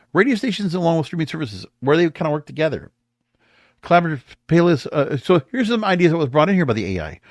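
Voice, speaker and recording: A podcast host with a fairly high voice delivers opinionated commentary on the music industry, conversational yet emphatic, and sometimes reads aloud. The clean studio recording has no room sound.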